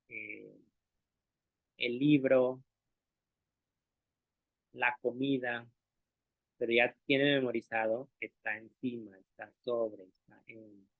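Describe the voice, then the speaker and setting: A male language teacher speaks at an ordinary pitch, patiently walking his listeners through each step and checking that they follow along. His voice comes through a narrow, tinny, phone-like line with no trace of room reverb. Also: level tone, takes it slowly, long pauses. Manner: patient, explanatory, often asks for agreement and models sounds aloud. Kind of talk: explanatory online talk. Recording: dry, tinny phone-like sound.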